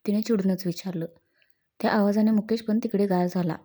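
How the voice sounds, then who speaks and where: A woman's voice: mid-range voice, fairly even intonation, fairly quick, dark tone. A woman reading a story aloud as narrator, shifting her tone a little for the dialogue.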